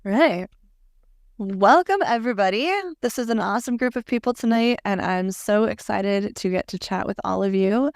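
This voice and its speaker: An upbeat woman co-hosting a podcast, her voice carrying a gravelly edge. She talks in a welcoming, casual way. The sound is dry and close. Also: mid-range voice, moderate pace, no room sound. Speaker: podcast co-host.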